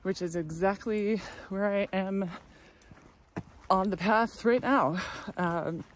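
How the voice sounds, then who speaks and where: A woman in her thirties, a thru-hiker, records a casual walking vlog in the forest, talking wryly and chattily into a phone at arm's length while breathy from the trail. Her voice is mid-range and slow. The audio carries a little hiss or hum.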